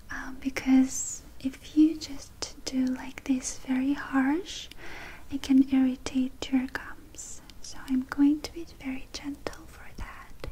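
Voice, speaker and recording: A woman doing a whispered role-play as a dental hygienist, speaking in a gentle, reassuring, soothing manner to a patient. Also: sits high, slight background noise, poor audio.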